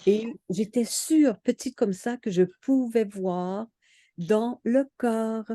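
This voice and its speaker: A woman in her seventies telling memories from her childhood in a relaxed, reflective way, with frequent hesitations. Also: fairly high pitch, takes it slowly, dry recording, studio quality. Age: 70s. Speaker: interviewee. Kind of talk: casual storytelling.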